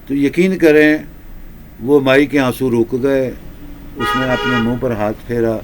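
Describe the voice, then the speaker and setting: Male preacher, slow repetitive storyteller, mid pitch. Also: fairly even intonation, background noise. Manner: slow, repetitive telling with drawn-out pauses. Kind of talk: storytelling sermon.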